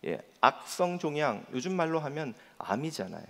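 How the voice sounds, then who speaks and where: A man's voice: a little high, very animated, moderate pace, creaky, fairly bright tone. A male pastor preaching a Sunday sermon in earnest, putting rhetorical questions to the congregation. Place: church sanctuary. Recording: long church reverb.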